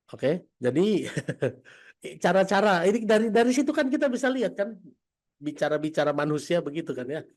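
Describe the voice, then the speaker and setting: A man with a notably high voice gives a relaxed religious talk over a video call. He chats with his listeners and keeps asking if they agree. He laughs between points. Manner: chatty, asks the audience, laughs often. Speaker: Islamic teacher. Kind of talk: casual religious talk to an online study group.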